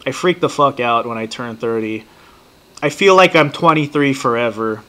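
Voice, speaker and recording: A man in his thirties talking casually and profanely in a rambling, excitable way while reacting to a TV show at his computer. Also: medium pitch. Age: 30s. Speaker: vlogger reacting to a TV series.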